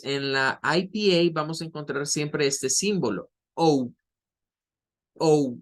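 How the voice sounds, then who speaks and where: A male English teacher walks through pronunciation step by step. He explains patiently and says each model sound several times, raising his voice when he demonstrates it. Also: on the high side. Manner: explains slowly, repeats model sounds aloud. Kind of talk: online pronunciation lesson.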